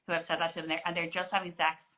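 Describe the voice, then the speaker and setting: A woman's voice: on the low side, flat delivery, quick pace, bright, forceful tone, poor audio. A woman in her forties, a GP, answering interview questions in an explanatory way with many restarts. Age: 40s. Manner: explanatory, frequent restarts and fillers.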